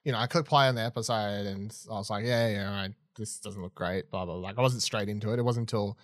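Fast-talking podcast host. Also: male voice, fairly low pitch, dry recording, clean studio sound. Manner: quick, animated, laughs often. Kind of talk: casual podcast chat.

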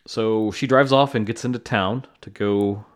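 A man co-hosting a podcast, relaxed and agreeable, casually retelling a film's plot. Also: lowish voice, unhurried, smooth. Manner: relaxed, agreeable, backchannels a lot. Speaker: podcast co-host. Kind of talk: casual film recap chat.

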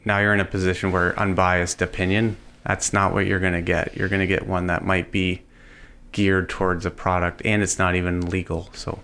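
Low-voiced Canadian podcast host talking informally. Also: male voice, flat delivery, moderate pace, a bit bright. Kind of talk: conversational podcast discussion.

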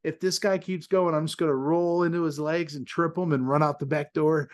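Animated man in his thirties, higher voice. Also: a little fast. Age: 30s. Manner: animated, laughs often, acts out quoted lines. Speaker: podcast host. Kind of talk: casual storytelling in an interview.

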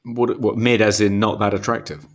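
A man co-hosting a podcast, speaking hesitantly with many pauses and ums. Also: fairly low pitch, flat delivery. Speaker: podcast co-host. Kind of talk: casual political chat.

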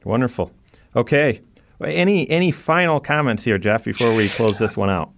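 A man's voice: medium pitch, normal speed, creaky, slight background noise. A man co-hosting a podcast in a conversational, folksy, affirming manner. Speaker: podcast co-host.

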